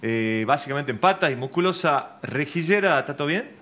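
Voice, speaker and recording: A quick-talking Argentine man hosting a live TV show, his voice bright and forward. He jokes and teases in playful banter, a touch higher than most men. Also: expressive. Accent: Argentine Spanish. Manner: joking, teasing, playful banter. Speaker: TV host. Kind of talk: casual TV chat. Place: live TV studio.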